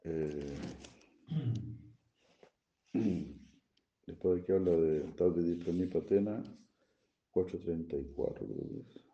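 Male swami lecturing scripture, low gravelly voice, gentle explainer who keeps checking in; dull echoey room recording. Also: slow pace, long pauses. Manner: explains gently with frequent tag questions, chuckles at own jokes. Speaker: swami giving a scripture class. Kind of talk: sermon.

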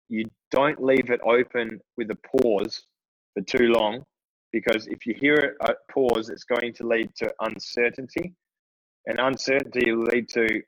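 Instructing tradespeople on selling by phone, a male business coach speaks loosely and casually, packing in fillers. His medium-pitched voice is a bit bright, with no echo, though the audio is poor.

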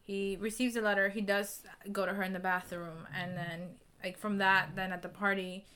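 A woman's voice: mid-range voice, little pitch movement, normal speed, fairly bright tone. A young woman co-hosting a podcast, retelling book scenes at length in a chatty way, full of "like" and "you know". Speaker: podcast co-host. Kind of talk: casual book discussion.

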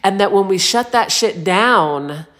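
A woman in her forties sharing a personal reflective monologue, meandering and earnest with frequent restarts and soft spiritual wording. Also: medium pitch, lively intonation, a little slow. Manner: soft-spoken spiritual vocabulary.

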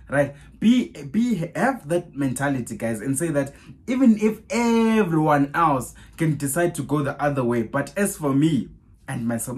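Man preaching, fired-up and repetitive. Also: mid-range voice. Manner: rhetorical questions, keeps saying "guys" and "right?"; animated, raises voice on Bible quotes. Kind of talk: podcast sermon.

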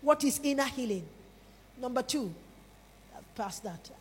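A woman's voice: sits high, lively intonation, measured pace, a little mellow, slight background noise. A woman preacher giving an emphatic sermon and calling on the congregation to respond aloud. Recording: long reverb of a large hall.

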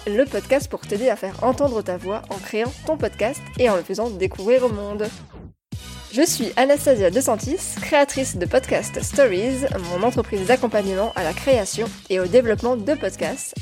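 A woman's voice: on the high side, darkish tone. Woman podcast host, chatty, laughs easily, light music behind. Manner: chatty, laughs often, many fillers. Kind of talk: casual interview.

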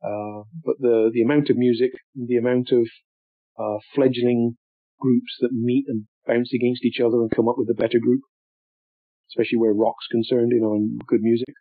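A man's voice: medium pitch, flat delivery, moderate pace, dry recording. Older man, reflective storyteller, hesitant and meandering; phone-like audio. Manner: rambling, thoughtful, many ums and restarts. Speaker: interviewee.

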